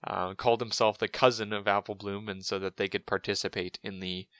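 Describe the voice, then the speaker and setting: A man's voice: lowish voice, steady tone, brisk, fairly bright tone, dry recording. A man co-hosting a casual podcast, rambling with lots of fillers and restarts. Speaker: podcast co-host.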